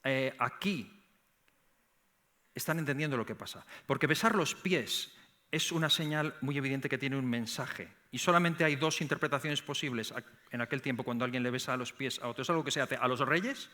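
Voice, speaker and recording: A middle-aged man with a Spain Spanish accent preaching a sermon in church, animated, often repeating words and rising to emphatic peaks. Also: mid-range voice, normal speed. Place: church sanctuary.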